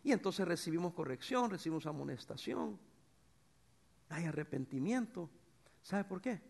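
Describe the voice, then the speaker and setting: A middle-aged man preaching a sermon as pastor, swinging between loud bursts and soft, tender passages. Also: a little high, normal speed, gravelly, husky. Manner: animated preacher, swings from shouts to soft tones.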